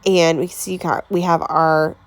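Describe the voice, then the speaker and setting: A woman's voice: low-pitched, flat delivery, a little slow, no echo. A woman chatting casually through a home cooking tutorial in her kitchen, laughing easily and peppering her talk with "like". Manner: chatty, laughs often, says "like" a lot. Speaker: home cooking vlogger and mom.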